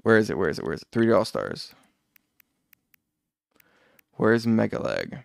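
Low gravelly streamer, rambling chat. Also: male voice, wildly swooping pitch, normal speed, dry recording, studio quality. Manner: rambling, self-correcting, muttering asides. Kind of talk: casual live gameplay chat.

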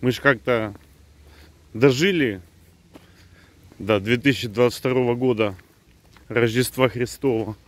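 A man giving a casual vlog update outdoors, talking unhurriedly in halting phrases. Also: mid-range voice. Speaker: vlogger. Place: outdoors on a dirt road.

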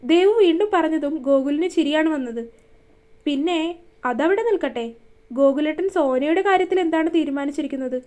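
A woman's voice: high-pitched, brisk, darkish tone. A woman reading a romance story aloud, voicing every character's dialogue in her own voice. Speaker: narrator.

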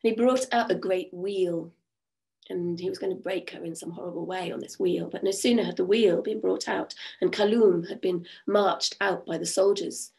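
A woman storyteller with a croaky voice, telling a folk tale in a rhythmic, repetitive and soothing way at an online event. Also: on the low side, steady tone, normal speed, a little mellow.

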